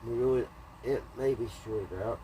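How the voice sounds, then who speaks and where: This casual repair video shows a man restoring an antique radio, thinking aloud and muttering to himself in a folksy style as he works. He speaks at a moderate pace in a mellow, medium-pitched voice, and the home recording is clearly noisy.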